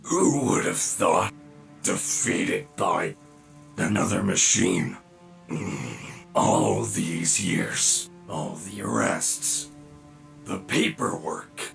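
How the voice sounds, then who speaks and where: An actor playing a ruthless, bitter game villain, a human inside a failing machine, with a menacing, sneering, theatrical delivery. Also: male voice, low voice, sing-song, takes it slowly, vocal fry, fairly bright tone, faint music behind, full character voice. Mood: bitter, resigned. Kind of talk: dramatic video game character acting.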